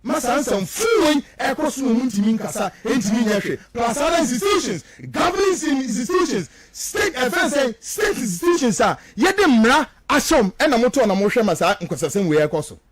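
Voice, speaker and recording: This Ghanaian radio commentator, a native Twi speaker, speaks at normal speed with few pauses in a very high, sing-song voice. He mixes the local language and English in emphatic, accusatory political commentary delivered in a declamatory manner.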